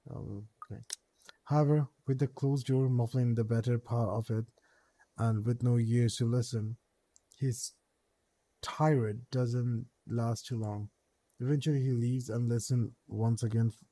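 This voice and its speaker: A man's voice: mid-range voice, mellow. A man casually reading game text aloud, often stumbling over words and restarting them.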